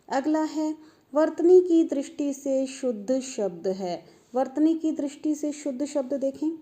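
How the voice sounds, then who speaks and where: A woman's voice: a little high, warm tone. A woman teacher patiently walking students through an exam paper, repeating key points with emphasis. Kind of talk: exam paper walkthrough lesson.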